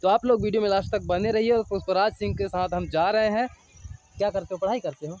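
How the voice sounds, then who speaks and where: A man's voice: high-pitched, fairly even intonation, fast talker, darkish tone. A man in his thirties, talking to viewers as he walks through a village and forest, filming himself on a handheld phone. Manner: chatty, addressing viewers while hiking. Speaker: travel vlogger. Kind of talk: outdoor travel vlog. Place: outdoors in village and forest trail. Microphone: handheld phone at arm's length.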